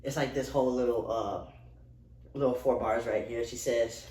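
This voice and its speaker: Excitable young man in an echoey room. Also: medium pitch, moderate pace. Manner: excitable, heavy swearing, slangy. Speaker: music reviewer. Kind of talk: casual reaction-style album review. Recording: echoey room, voice far from mic, faint hiss.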